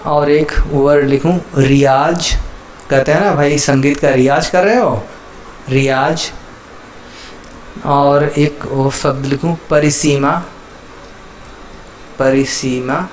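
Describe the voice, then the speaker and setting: A man gives a patient lesson on letters and keeps repeating every example word. His voice sits fairly high and he moves at a very slow, careful pace. He checks in with his listeners constantly as he goes. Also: steady tone, a little hiss or hum. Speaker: teacher. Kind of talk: explaining Hindi letters to viewers.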